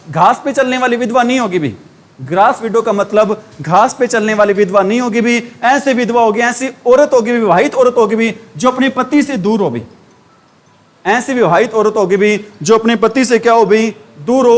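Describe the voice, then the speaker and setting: A man from India with a Haryanvi Hindi accent, teaching an English idioms class. He asks a question, then answers it himself in a lower voice.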